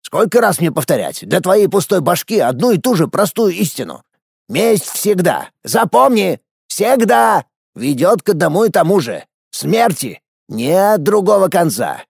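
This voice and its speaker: A cranky old grandfather mage with a high, gravelly, husky voice that swoops up and down as he scolds and mocks, as a male narrator puts him on. The delivery is dry and close, straight into the mic, like a storybook reading. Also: very animated, a little slow, a little mellow, no echo, full character voice. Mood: scolding. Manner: mocking, scolding, drawling folksy speech. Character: grumpy sharp-tongued old grandfather mage.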